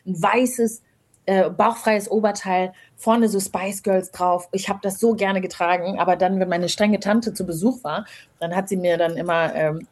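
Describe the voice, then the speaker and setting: A woman's voice: mid-range voice, darkish tone, breathy edge. A woman from Rwanda in her thirties, a guest talking reflectively in a casual interview, with frequent fillers. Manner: reflective, many fillers and hedges.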